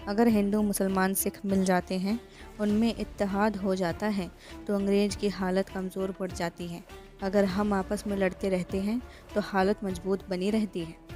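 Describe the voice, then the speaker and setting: A woman's voice: mid-range voice, flat delivery, normal speed, dark tone, faint music behind, natural voice. A woman voicing an earnest young man in an audiobook, arguing patiently for unity. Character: young male villager pleading for unity, earnest.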